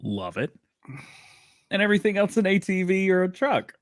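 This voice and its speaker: A man hosting a casual livestream, his pitch bouncing lively up and down as he talks. He laughs easily and throws in playful little sound effects. The sound is close and dry, with no room around him. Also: moderate pace, no echo. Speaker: livestream show host.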